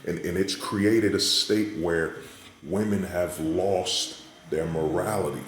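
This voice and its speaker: A man's voice: low-pitched, fairly even intonation, slow. A man giving an unscripted, opinionated monologue in an emphatic way, often checking in with the listener, recorded in a hallway. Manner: emphatic, repetitive rhetorical check-ins with the listener. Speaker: vlogger giving commentary. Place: indoors in a hallway. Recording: echoey hallway, faint background noise.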